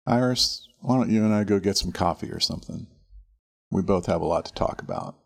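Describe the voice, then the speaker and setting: An actor playing Hugh, a quiet and considerate man, in an audio drama. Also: low voice, brisk. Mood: gentle.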